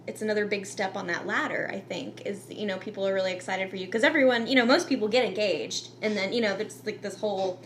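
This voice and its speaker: A young woman co-hosting a casual podcast chat with her fiancé, candid and quick to laugh. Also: mid-range voice, slight background noise. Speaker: podcast co-host.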